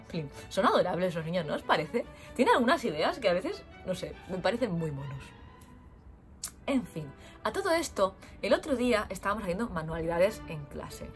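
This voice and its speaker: A young woman from Spain, a teacher in Japan, telling funny classroom stories in an animated way and acting out the children's voices. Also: mid-range voice, normal speed, faint music behind. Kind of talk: storytelling vlog.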